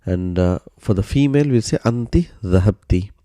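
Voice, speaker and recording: In a low, mellow voice, a man teaches a grammar lesson, explaining patiently and step by step while leaning on "so" and "uh." His intonation is lively and his speed normal. The sound is dry and close, with no room around it and no echo.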